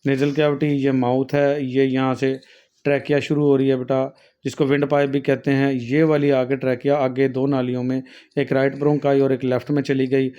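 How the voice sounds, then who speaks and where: A man's voice: medium pitch, flat delivery, moderate pace, mellow, highs cut off. A man giving a patient classroom lecture on anatomy, talking students through diagrams, often calling them "beta", with frequent fillers and self-corrections. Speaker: nursing and health teacher.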